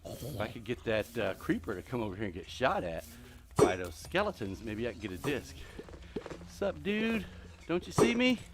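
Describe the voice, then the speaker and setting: A man's voice: on the low side, lively intonation, a little fast, very noisy. A middle-aged man hosting a live gameplay stream, out of breath from walking on a treadmill and chatting in a rambling way while talking to the game's creatures. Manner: chatty, rambling, talks to game mobs. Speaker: host.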